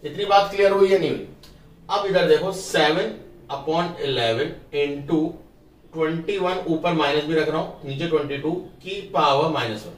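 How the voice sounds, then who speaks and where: Male math tutor, talks the class through each step and checks they follow; slightly high voice, distant mic. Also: normal speed. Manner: talks through each step of the working, asks pupils if it is clear. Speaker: math teacher. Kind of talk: casual classroom explanation. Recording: roomy, from off the mic.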